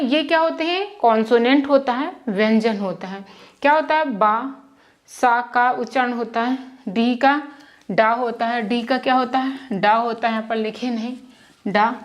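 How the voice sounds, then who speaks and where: Woman teacher going over letter sounds on a whiteboard, higher voice, slow repeats. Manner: repeats sounds slowly, asks and answers her own questions. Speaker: English teacher. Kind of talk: whiteboard lesson in Hindi. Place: classroom with whiteboard.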